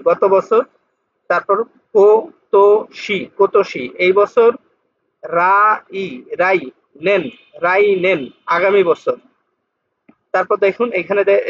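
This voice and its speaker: High-voiced man teaching vocabulary. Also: a bit bright. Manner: patient, repeats each word slowly and drills pronunciation. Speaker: Japanese language teacher. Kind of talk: vocabulary lesson explanation. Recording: dull lo-fi sound.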